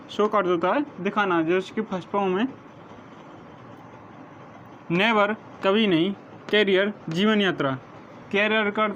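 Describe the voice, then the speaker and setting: A male teacher slowly dictating vocabulary meanings to his class, spelling some words out letter by letter. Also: high-pitched, a bit bright. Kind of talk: vocabulary lesson, reading word meanings. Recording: dull lo-fi sound with faint noise.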